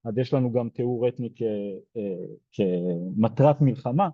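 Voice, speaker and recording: A soft-spoken man from Israel giving a lecture, hesitant, with many fillers and restarts. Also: medium pitch, expressive, slightly rough, no room sound, narrow, tinny audio. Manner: soft-spoken, hard to hear. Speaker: genocide studies lecturer. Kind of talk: explaining lecture.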